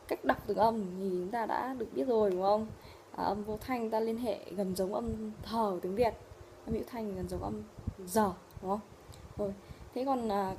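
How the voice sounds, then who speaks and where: A woman with a Vietnamese accent teaching English pronunciation. She explains in Vietnamese and says each English word slowly and loudly. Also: mid-range voice, slight background noise. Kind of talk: pronunciation lesson.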